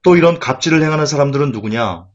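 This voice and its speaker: A man's voice: a little high, lively intonation, fast, muffled recording. A male preacher giving an emphatic sermon full of rhetorical questions.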